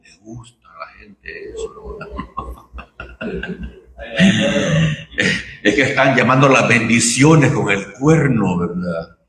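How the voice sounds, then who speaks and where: A man's voice: medium pitch, takes it slowly, long pauses, fairly bright tone, roomy sound, recorded from a distance. A man preaching a sermon in a conversational way, often asking his listeners "right?" and "you understand?". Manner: conversational preaching, many rhetorical tag questions. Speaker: pastor.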